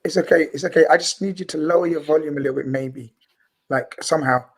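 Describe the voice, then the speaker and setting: High, husky man hosting football chat. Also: fast talker. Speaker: watchalong host. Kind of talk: casual live football commentary. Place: in a house.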